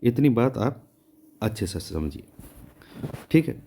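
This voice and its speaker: Male shorthand tutor, low unhurried delivery, patient, explains every stroke. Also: very animated, dark tone, a little hiss or hum. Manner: patient, repeats "ठीक है" to check understanding; counts and names the strokes as he draws them. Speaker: Hindi shorthand teacher.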